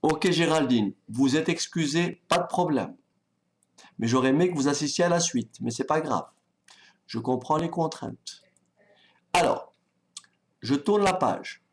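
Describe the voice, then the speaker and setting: Male maths teacher, slow and calm, patient, checks in with his students as he works. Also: fairly high pitch. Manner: calm, patient, thinks aloud while writing; talks directly to students, checks they follow. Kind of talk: online exam-prep lesson.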